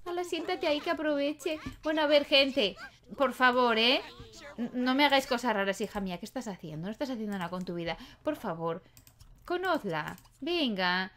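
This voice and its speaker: A young woman talks through a life-simulation game in a loose, chatty way. She scolds and coos at the characters like a doting mother. Her voice sits a little high. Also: expressive, moderate pace, fairly bright tone, a little hiss or hum. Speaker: gaming video host. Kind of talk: casual Let's Play commentary.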